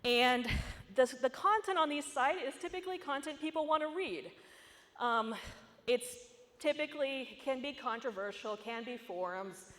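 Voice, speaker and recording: A fairly high-pitched woman presents at a security conference, keeping it casual and conversational with frequent asides. Her voice carries a long reverb from the large hall around her. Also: normal speed, fairly bright tone. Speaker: conference speaker.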